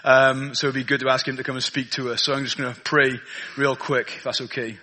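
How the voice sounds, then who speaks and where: A man's voice: medium pitch, little pitch movement, brisk, sharp tone. A man with a South Wales Valleys accent preaching an informal sermon in a chatty, self-deprecating, colloquial way. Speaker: guest preacher.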